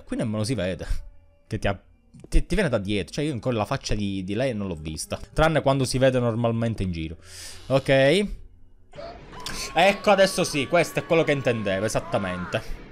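A man's voice: mid-range voice, very animated, normal speed. A man with an Italian accent giving sarcastic, chatty commentary while playing a horror game, talking back to the ghost. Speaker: gaming YouTuber.

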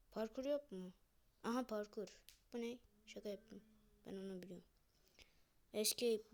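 A woman's voice: mid-range voice, creaky, a little mellow. A young woman chatting casually to viewers while she plays a game, muttering to herself between lines. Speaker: gamer vlogger. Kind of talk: casual gameplay commentary.

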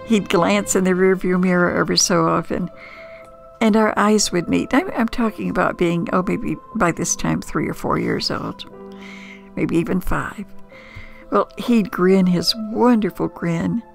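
In a creaky, mid-range voice, an older American woman with an American accent looks back on her past through nostalgic first-person stories. She sounds conversational and reflective, unhurried and pausing often.

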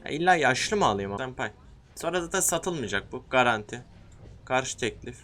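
A young man with a mid-pitched voice talks through a football career game. His delivery is excitable and slangy, and he swings from loud enthusiasm to muttered asides as he addresses the screen and his viewers. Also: normal speed. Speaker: gaming YouTuber. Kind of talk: casual gameplay commentary.

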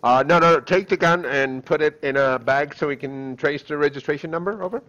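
A man's voice: a little high, fairly quick, fairly bright tone, muffled recording. A man in a squad game, joking and drawling mock military radio talk and police lines. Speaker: gamer in a squad.

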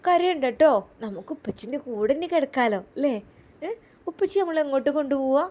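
A small, eager girl full of questions, as a woman storyteller puts her on. Her voice is bright and high, with a Malappuram accent. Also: a little fast. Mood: curious. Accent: Malappuram Malayalam. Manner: excited, questioning.

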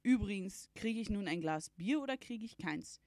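A woman's voice: medium pitch, expressive, normal speed, mellow, no echo, studio quality, close to an everyday voice. A woman reading a cheeky jovial uncle. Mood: cheerful teasing. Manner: playful, teasing, exclaiming. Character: cheeky jovial uncle, a pharmacist, middle-aged man.

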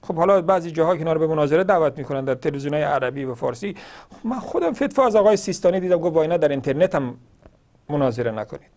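Guy hosting a religious call-in show, high voice swinging all over the place, argues hard, fires off rhetorical questions. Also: lively intonation, darkish tone. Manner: argumentative, rhetorical questions, acts out quoted dialogue. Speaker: religious TV host answering callers. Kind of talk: impassioned call-in religious talk.

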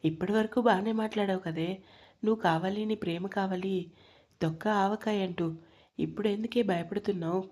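A woman's voice: medium pitch, fairly even intonation, moderate pace, a little mellow, lightly acted. Woman voicing a domineering young husband. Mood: taunting. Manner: taunting, commanding.

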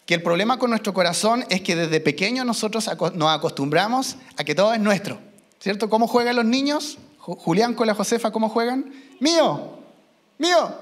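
Male pastor, high voice, emphatic sermon delivery with slow stressed phrases. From Chile. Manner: emphatic, slows down for key phrases, mimics children. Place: church.

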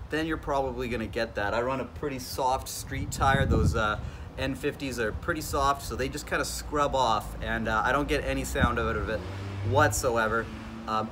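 A man's voice: mid-range voice, a bit bright, a little hiss or hum. A man in his thirties hosting a casual garage vlog, talking through car work in a laid-back, enthusiastic way, filmed on a phone at arm's length. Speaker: car channel host. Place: home garage under a car, indoors. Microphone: phone camera at arm's length.

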